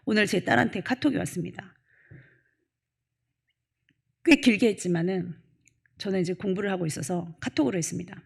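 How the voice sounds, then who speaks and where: Husky gravelly-voiced woman pastor preaching. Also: medium pitch, fast talker. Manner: swings from loud emphatic preaching to quiet storytelling. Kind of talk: sermon.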